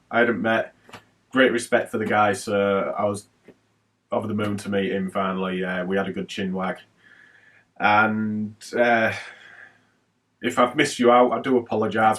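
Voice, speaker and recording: A man with a lowish voice talks through his gaming pickups in a loose, rambling way, full of ums and asides. He sits a little back from the mic, so the sound is slightly distant. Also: fairly bright tone. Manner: chatty and rambling, with many fillers. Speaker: retro gaming YouTuber. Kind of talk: casual haul vlog talk.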